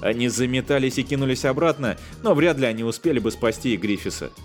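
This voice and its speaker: A male narrator reads a comic space story with a wry, even storytelling voice. His pitch sits in the middle range. Quiet music plays underneath. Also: fast. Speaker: audiobook narrator. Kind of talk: scripted narration.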